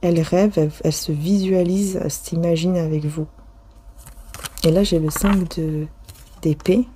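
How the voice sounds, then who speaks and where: Female tarot reader, mellow lower voice, halting and intimate delivery. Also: steady tone, a little hiss or hum. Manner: hesitant, restarts often, many fillers; addresses viewer directly, intimate. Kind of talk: casual spoken tarot reading.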